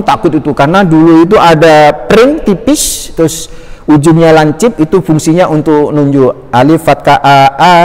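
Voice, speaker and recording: Guy preaching, lively storyteller, acts out the bits, long echo in a big hall. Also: fairly high pitch. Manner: lively storyteller, acts out quotes and sound effects. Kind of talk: sermon with personal storytelling.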